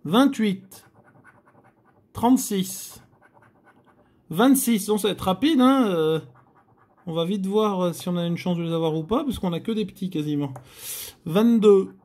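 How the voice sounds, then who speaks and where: A man's voice: high-pitched, unhurried, long pauses, a little mellow. A man hosting a scratch-card video, giving chatty, theatrical commentary to his viewers as he scratches. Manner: chatty, theatrical, addresses viewers, frequent groans. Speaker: host.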